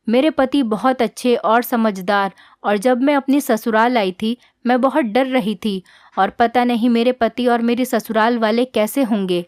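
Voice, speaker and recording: A woman narrating a first-person family story in an even, plain storytelling tone. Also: on the high side, no room sound, studio quality.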